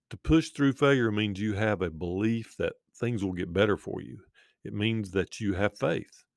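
A man delivering a scripted motivational monologue in measured, earnest, rhetorical phrases. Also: fairly low pitch, no echo, studio quality. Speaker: motivational speaker.

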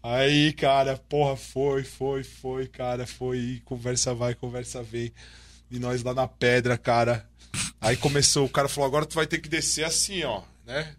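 A man telling a story to friends in casual chat, animated and slangy, acting out the dialogue. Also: medium pitch, moderate pace, slight background noise.

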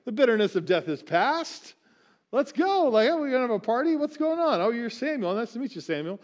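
A man's voice: very high-pitched, very animated, fairly quick, pitched above the performer's own voice. A man putting on the voice of a cheerful, clueless captive king who chats in a chirpy, carefree way.

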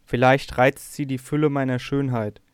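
A man voicing a despairing young princess abducted to a strange shore, lamenting and pleading a little louder than his narration. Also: mid-range voice, little pitch movement, normal speed, smooth, no echo, studio quality, lightly acted.

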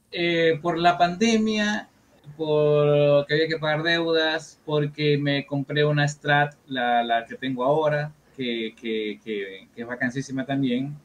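A man's voice: fairly high pitch, a little hiss or hum. Man telling guitar stories. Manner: lively anecdotal storyteller, many fillers and restarts. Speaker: guest guitarist. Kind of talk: casual interview chat.

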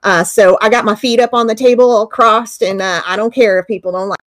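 A woman's voice: mid-range voice, fairly even intonation, brisk, fairly bright tone, no room sound. Folksy woman with an Appalachian accent. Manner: folksy, plain-spoken hillbilly talk. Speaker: player in a tabletop role-playing game. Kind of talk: in-character role-play, casual.

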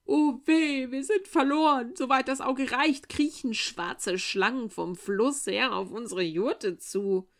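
A woman reading aloud and voicing an old widowed mother who cries out in fear and grief, with a high, anxious tone. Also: lively intonation, slow, creaky, hardly any pauses. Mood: terrified. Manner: anxious, wailing.

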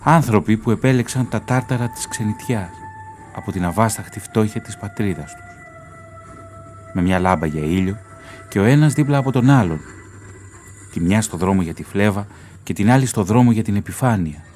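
A man narrating a documentary report in a solemn, measured, scripted way. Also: fairly low pitch, animated, a little mellow, soft background music.

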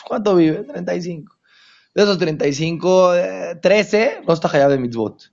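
A man teaching a religious lesson to an audience, stressing his points by repeating phrases and dropping into hushed asides. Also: high-pitched, animated, normal speed, vocal fry. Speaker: Torah teacher. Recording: dull lo-fi recording.

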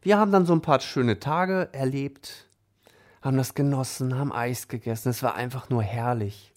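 A man's voice: mid-range voice, moderate pace, darkish tone. A man telling a casual personal anecdote in a chatty, colloquial way, with frequent tag questions. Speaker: storyteller.

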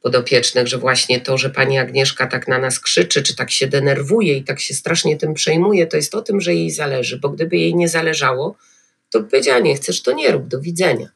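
A woman's voice: a bass voice, steady tone, a little fast, vocal fry, husky. A woman being interviewed on a podcast, talking emotionally and hesitantly with many fillers. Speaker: guest.

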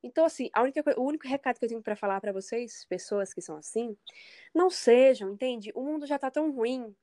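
A woman's voice: a little high, quick pace, warm tone, dry recording. A woman from Brazil, a singer, speaking candidly and emphatically in a casual interview, acting out the comments of others.

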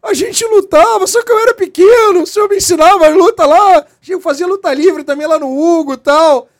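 A man's voice: very high voice, a little fast, voice pushed up. Man doing a pleading, tearful young thief. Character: young male captured thief, pleading, near tears.

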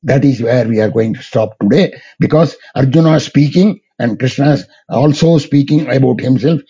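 A man with a South Indian accent giving a scripture discourse, reciting Sanskrit verses and explaining them haltingly, with repeated phrases and rhetorical questions. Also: mid-range voice, warm tone, slightly rough. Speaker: religious teacher. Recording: muffled, lo-fi sound.

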